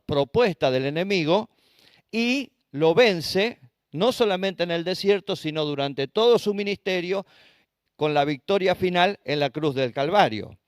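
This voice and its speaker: A man with an Argentine accent teaches a Bible study in a church, pitching his voice on the high side. He asks his listeners questions and spells out Hebrew terms letter by letter. The sound is dry and close, with no room echo. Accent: Argentine Spanish.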